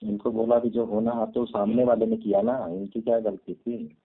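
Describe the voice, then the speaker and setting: Gravelly man on a tinny line. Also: mid-range voice, expressive, normal speed. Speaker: client. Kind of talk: casual chat.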